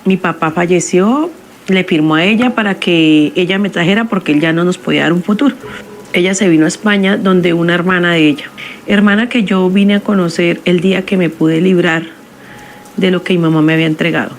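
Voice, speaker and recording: A woman telling a first-person story in a somber, measured confessional way. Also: fairly low pitch, fairly even intonation, a little hiss or hum.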